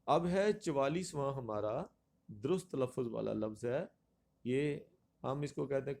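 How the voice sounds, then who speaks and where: A man's voice: medium pitch, creaky, a little mellow. A male Urdu teacher going through exam multiple-choice answers, repeating and stretching words to drill their pronunciation while addressing students formally. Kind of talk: exam-prep grammar lecture.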